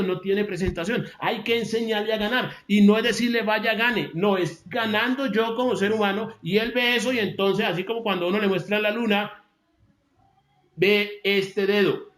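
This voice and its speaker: A man giving a motivational talk, emphatic, repeating key phrases and slowing down to stress them. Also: sits high, a bit bright, reverberant. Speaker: motivational speaker.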